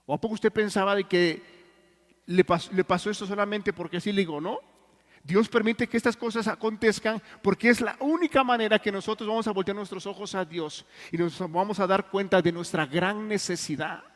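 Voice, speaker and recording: A man preaching a sermon in Mexican Spanish, telling stories earnestly and swinging between loud and hushed. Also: high voice, fairly even intonation, a little fast. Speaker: pastor. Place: church hall. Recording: long church reverb.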